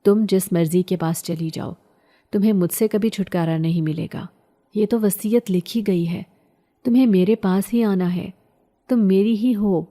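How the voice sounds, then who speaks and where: A woman's voice: mid-range voice, mellow, natural voice. A woman voicing a possessive male jinn who haunts a tree, speaking in a claiming, menacing way.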